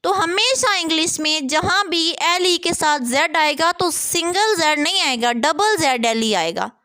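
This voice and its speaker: A woman teaching an English lesson. She reads each rule slowly, then explains it quickly. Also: very high voice, lively intonation, sharp tone, no echo.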